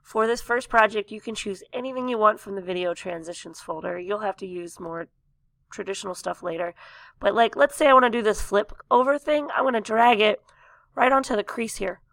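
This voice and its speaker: Woman teacher losing her voice, gravelly. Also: mid-range voice, a little fast, a bit bright, dry recording. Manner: plain step-by-step instructions, coughs and throat clearing. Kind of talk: screen-recorded software tutorial.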